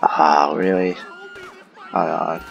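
A man's voice: sits low, level tone, slow, creaky, dull audio, a faint crowd. A young man chatting while gaming with a friend, laughing often and asking hesitant questions. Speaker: gamer. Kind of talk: casual gaming chat.

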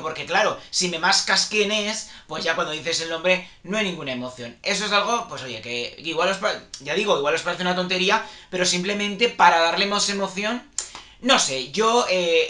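Male vlogger, bright and sharp tone, talky and opinionated. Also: sits high. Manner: chatty, opinionated, reassuring the viewers. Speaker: music channel host. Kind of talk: casual opinion commentary. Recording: echoey room.

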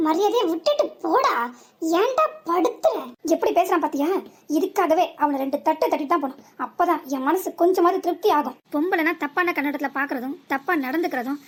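A woman voicing a brave young male hero in a cartoon who lectures firmly and defiantly. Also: very high voice. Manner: firm, preachy and defiant.

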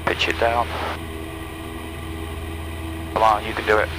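A man's voice: on the low side, fairly even intonation, slow pace. Male pilot in a noisy cockpit. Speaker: private pilot. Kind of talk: radio calls and cockpit self-talk. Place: small propeller plane cockpit. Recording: noisy small aircraft cockpit intercom.

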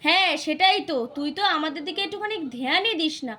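A woman's voice: very high voice, sharp tone. A woman voicing an impatient, scolding elder sister in a doll puppet show. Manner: scolding, complaining, rapid.

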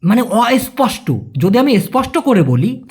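A man, teaching a language lesson and repeating phrases slowly for learners. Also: very high voice, sing-song, darkish tone, husky. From Bangladesh.

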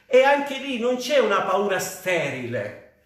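High-voiced preacher in an echoing church. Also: male voice, sing-song, a little slow, fairly bright tone. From Italy. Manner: fervent preaching, swells on cries to the Lord. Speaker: pastor. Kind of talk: sermon. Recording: very echoey church hall.

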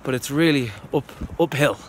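A man's voice: mid-range voice, moderate pace, a little hiss or hum. A man narrating his mountain trek vlog in a casual, rambling, self-deprecating way, recorded outdoors on a handheld camera. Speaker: trekking vlogger.

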